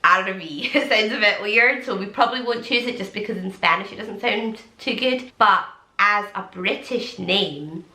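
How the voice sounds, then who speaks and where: Bright-voiced woman vlogging. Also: medium pitch. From Scotland. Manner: chatty and enthusiastic, quick asides. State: pregnant. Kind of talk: casual talk to camera. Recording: echoey room.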